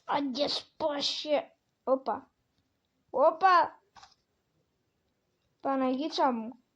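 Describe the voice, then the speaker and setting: A woman's voice: high voice, a bit bright. A woman giving casual gameplay commentary, talking to herself and the game and exclaiming often. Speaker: gamer.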